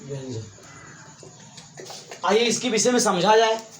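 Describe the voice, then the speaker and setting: Man, teacher, high voice, repeats and quizzes, echoey classroom, faint hiss. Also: lively intonation, slow pace. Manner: repetitive, quizzing students. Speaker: English teacher. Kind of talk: classroom grammar lesson.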